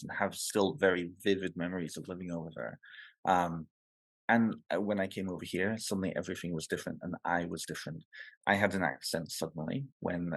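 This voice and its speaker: A man's voice: sits low, dry recording. A man from North Wales, a therapist, talking thoughtfully in an interview with many ums and restarts over a remote call. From North Wales, United Kingdom. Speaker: therapist and guest. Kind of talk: conversational interview.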